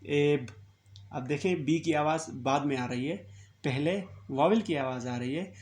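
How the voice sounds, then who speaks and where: A man's voice: a little high, a little slow, darkish tone. Patient man teaching shorthand. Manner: patient, repetitive, checks "clear?" after each word. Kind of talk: step-by-step classroom instruction.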